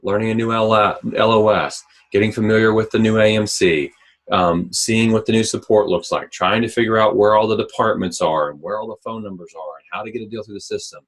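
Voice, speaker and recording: A man with a fairly low voice coaches a sales team through a presentation on recruiting. He keeps asking the listeners questions and clears his throat now and then. He is close to the mic, as on a call. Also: fairly even intonation, brisk, a bit bright. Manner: coaching, asks the audience questions. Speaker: mortgage recruiting trainer. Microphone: close mic, remote call.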